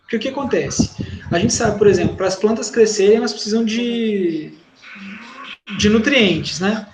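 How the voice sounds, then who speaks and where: A man with a high voice and a Brazilian Portuguese accent teaches an online class from home at a moderate pace, speaking informally and checking in with his students. He's on a video call using a computer mic, and the audio is echoey and noisy.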